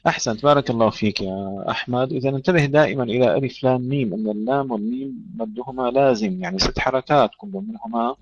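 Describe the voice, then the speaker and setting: A man teaching Quran recitation in an online lesson, patiently correcting a student and stretching out model verses slowly. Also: mid-range voice, big pitch swings, creaky, slightly rough. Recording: dull, dry online call audio.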